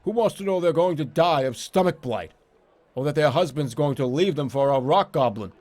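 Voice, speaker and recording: A man's voice: a little high, animated, normal speed, darkish tone, close to an everyday voice. A man voicing a squat, ugly, fearful fortune-teller creature in a game, hesitant and evasive, repeating himself plaintively. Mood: stubborn, defensive. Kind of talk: game character dialogue read aloud.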